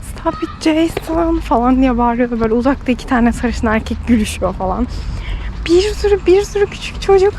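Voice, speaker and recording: A young woman from Turkey, a doctor and vlogger, chatting and telling stories in a lively, animated way while walking the streets with a handheld phone. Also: on the high side, fast talker, a little hiss or hum. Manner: chatty, animated storytelling with laughs. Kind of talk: casual vlog chat.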